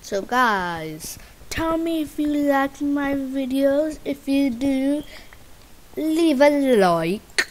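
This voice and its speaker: A woman hosting a game channel, giving chatty let's play commentary that swings between muttered asides and sudden excited squeals. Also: high-pitched, slow, slight background noise, low-quality recording. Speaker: gaming channel host.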